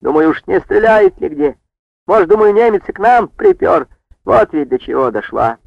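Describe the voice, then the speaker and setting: A man's voice: high voice, expressive, moderate pace, gravelly, no echo, pitched above the performer's own voice, heavily acted. A man voicing an anxious village woman who pleads and frets. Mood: pleading. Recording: dull dry lo-fi recording.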